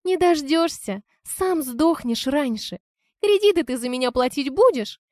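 A woman reading an audiobook, voicing a brazen young woman with a sneering, high voice. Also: lively intonation, a little slow, darkish tone, no echo, clean studio sound. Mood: insolent.

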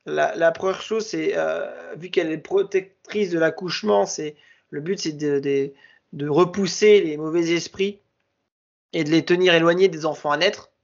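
A man's voice: on the high side, moderate pace, vocal fry, lo-fi sound. A man co-hosting a podcast, chatting casually and hesitantly with many fillers and restarts. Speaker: podcast co-host. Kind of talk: casual chat.

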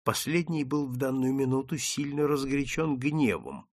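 A man narrating a classic story in an expressive, theatrical manner. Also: mid-range voice, normal speed, no echo, studio quality. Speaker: audiobook narrator.

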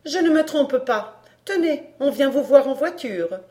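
A woman reading an audiobook, voicing a haughty, overbearing middle-aged mother with a sharp, peremptory manner. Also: high-pitched, expressive, unhurried, voice pushed up.

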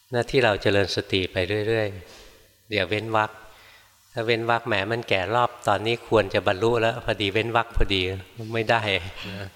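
Older monk, low calm voice, reverberant hall. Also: male voice. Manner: calm, unhurried, gently admonishing, ends phrases with "na". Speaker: monk teacher. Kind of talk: Dharma talk with practice interviews.

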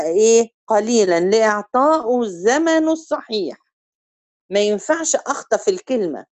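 A woman with an Egyptian Arabic accent teaching a recitation review lesson. She quizzes her students and stretches example words out slowly to demonstrate them. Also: mid-range voice.

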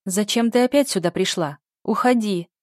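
A woman's voice: medium pitch, moderate pace, mellow, dry recording, studio quality, natural voice. Commanding floating spirit woman, as a reader puts her on. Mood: stern, angry. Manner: commanding, imperious. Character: stern mysterious floating female spirit, about thirty. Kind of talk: audiobook character voice.

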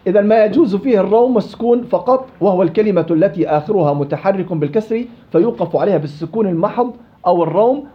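Quick high-voiced teacher. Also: male voice. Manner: quizzing students, repeating and drilling examples. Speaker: Quran recitation teacher. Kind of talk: classroom tajweed lesson. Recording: dull lo-fi classroom recording.

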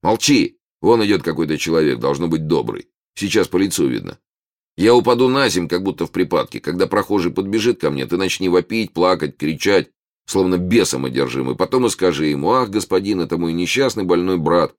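A man's voice: low-pitched, brisk. A man voicing a cunning teenage beggar boy who mocks and bosses his companion, in an audiobook. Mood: scheming. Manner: sneering, lively, bossy. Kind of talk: audiobook character voice.

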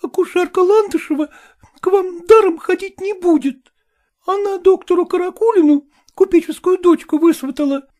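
A man's voice: very high-pitched, moderate pace, darkish tone, voice pushed up. A man voicing a jealous, tearful woman who presses her lover with reproachful questions, reading an audiobook.

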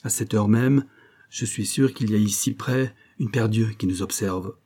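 A man reading an audiobook, voicing a cordial, worried gentleman who speaks heartily and gravely. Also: on the low side, moderate pace, close to an everyday voice.

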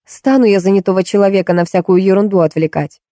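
A woman's voice: mid-range voice, fairly even intonation, fast talker, mellow, no echo, clean studio sound, lightly acted. A woman reading an audiobook, voicing a harsh, angry female housekeeper who scolds and snaps. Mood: scolding.

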